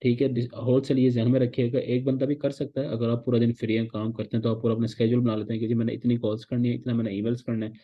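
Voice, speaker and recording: A man from Pakistan leads an online class for interns in a plain mid-pitched voice. He explains patiently and keeps checking in with his listeners. The recording is dull and lo-fi. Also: flat delivery, rapid-fire, hardly any pauses. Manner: explains patiently, repeats "ठीक है" often, mixes English phrases. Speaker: instructor teaching interns. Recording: dull lo-fi sound.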